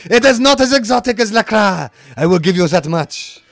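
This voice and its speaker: A man puts on a boozy French retired footballer, pompous and rambling, with a hammy French accent. The voice sits high with a gravelly edge, close and dry. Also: animated, a little slow, no echo, faint music behind. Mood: pompous drunk. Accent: put-on French. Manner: pompous, tipsy, rambling, bursts of shouting. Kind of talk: comedic podcast bit.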